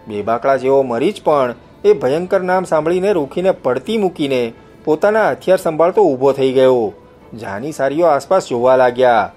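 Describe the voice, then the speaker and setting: A man narrates a novel in a dramatic first-person storytelling style, pushing his voice up for the shouted lines. His voice sits slightly high for a man. Faint music plays under the reading. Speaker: audiobook narrator.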